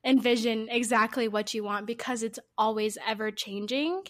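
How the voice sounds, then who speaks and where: Rambling higher-voiced woman co-host. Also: moderate pace, fairly bright tone. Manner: rambling, tangential, giggly asides. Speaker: podcast co-host. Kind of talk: casual podcast chat.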